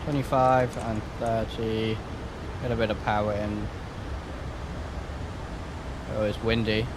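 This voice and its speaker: A man's voice: fairly low pitch, flat delivery, slow, noisy background. A man giving casual, understated gameplay commentary as he talks himself through flying a simulated airliner. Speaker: flight simulator streamer playing pilot.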